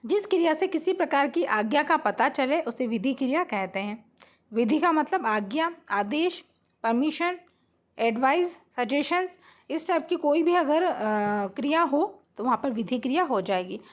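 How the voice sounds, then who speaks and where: With an animated high voice at normal speed, a woman gives a Hindi grammar lesson on the blackboard. She takes each rule slowly and patiently, repeats the examples, and keeps asking whether the students are following.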